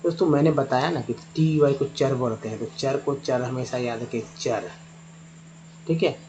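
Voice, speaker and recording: A man's voice: mid-range voice, fairly even intonation, fairly quick, mellow, slight background noise, rough recording. A man teaching English pronunciation, patiently spelling out words letter by letter and repeating each sound. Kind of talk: Hindi-language phonics lesson at a board.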